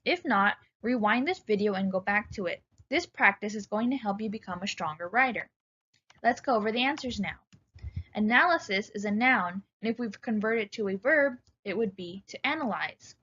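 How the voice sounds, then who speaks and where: A woman giving a recorded writing lecture, speaking clearly and instructively and addressing students directly. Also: mid-range voice, bright, forceful tone, lo-fi sound.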